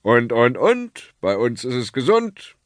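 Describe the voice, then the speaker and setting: A man voicing a loud, cheerful snack-stand vendor who calls out to customers in sing-song rhymes. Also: mid-range voice, sing-song, slow, dry recording. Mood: hawking.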